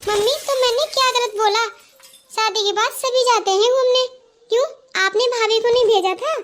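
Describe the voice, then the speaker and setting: A woman voicing a headstrong young bride in a cartoon, talking back sharply in a very high voice. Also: fairly even intonation, normal speed, fairly bright tone. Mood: defiant. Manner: defiant, talks back sharply. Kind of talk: Hindi cartoon voice acting.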